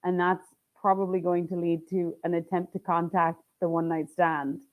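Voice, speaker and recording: A woman's voice: on the low side, flat delivery. Chatty woman on a tinny line. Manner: quick, chatty, laughs easily. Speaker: guest writer. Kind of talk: casual brainstorming chat.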